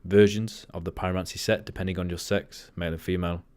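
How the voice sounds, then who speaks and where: Low monotone male streamer. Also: quick pace, no room sound. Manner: rambling, easily sidetracked. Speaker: livestream host. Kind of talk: casual livestream chat.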